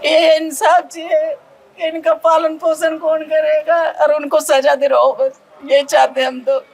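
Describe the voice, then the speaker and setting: A woman's voice: sits high, level tone, darkish tone. A tearful woman, a relative of the dead man, answering a reporter in pleading, broken sentences outside a police station. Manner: distraught, pleading, rapid and broken. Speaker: victim's relative. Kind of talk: emotional interview answers.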